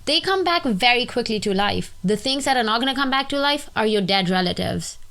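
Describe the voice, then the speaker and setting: A young woman co-hosts a casual podcast, talking in an animated, emphatic way. Her voice sits a little high. She argues with energy and plenty of punch. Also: brisk. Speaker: podcast co-host.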